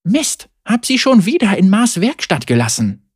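A storybook narrator voicing Zeri, a bold, quick-witted young woman with a cheeky, teasing manner, in a dry, close recording. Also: medium pitch, sing-song, darkish tone, husky, no room sound, pitched above the performer's own voice.

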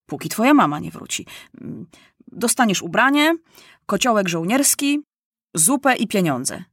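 A woman voicing a smooth, cunning enemy staff officer with a coaxing, persuasive manner, in a storybook reading. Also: medium pitch, very animated, unhurried, no echo, clean studio sound.

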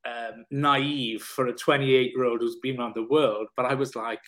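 A man's voice: medium pitch, fairly even intonation, moderate pace, fairly bright tone. Candid man telling a personal story. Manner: open, emotional, casually swearing, many fillers and restarts. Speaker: podcast guest, personal trainer and counsellor.

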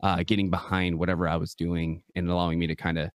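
A young man with a very low, deep voice talks earnestly and casually, peppering his thoughts with "you know." He's from West Michigan. The sound is close and dry, with no room around it. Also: fast, dry recording. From West Michigan, USA. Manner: relaxed, earnest, many fillers like "you know". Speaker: guest, gaming preacher. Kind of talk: casual interview conversation.

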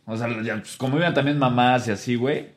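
A man's voice: medium pitch, fast. A young man with a Mexican Spanish accent, trading slangy, laughing banter in a casual chat among friends.

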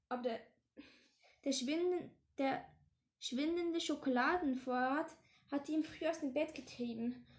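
A woman's voice: high-pitched, roomy sound. A woman reading a children's story aloud, often tripping over words and correcting herself. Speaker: reader.

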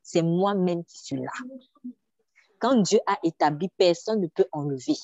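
Woman preacher, sermon, low-pitched, dark mellow tone, emphatic, rhetorical questions, dull dry recording. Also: animated, measured pace, dry recording.

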